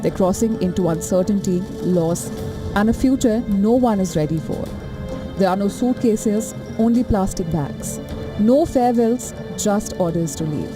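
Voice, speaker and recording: A female reporter narrates a news package over a clear music bed, using dramatic, emphatic phrasing. Her voice is medium-pitched and her pace measured.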